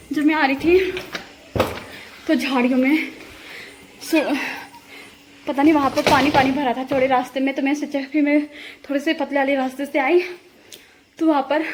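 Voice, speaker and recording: Filming herself on her phone, a woman with a high-sitting voice chats casually in a vlog, laughing as she recounts a scare. She starts out walking outside at night and later continues at home, and the background is noisy.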